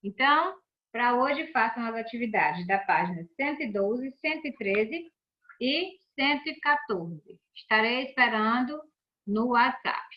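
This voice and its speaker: A woman's voice: on the high side, animated, a little slow. Patient woman teacher on a dull recording. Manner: patient, explanatory, checks in with "tá?" and "ó". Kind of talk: recorded remote class lesson. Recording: dull lo-fi sound.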